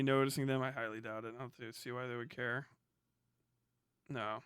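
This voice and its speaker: A livestream host and podcaster rants and comments in a casual, blunt manner, swearing and mocking as he goes. His medium-pitched voice is clear and resonant with a fairly bright tone, recorded in clean studio sound with no echo.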